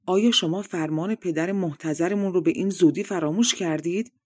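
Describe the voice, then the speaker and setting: A woman's voice: fairly low pitch, darkish tone, lightly acted. A woman voicing a resolute youngest brother who speaks firmly and reproaches his older brothers. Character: resolute youngest prince, loyal to dying father's word.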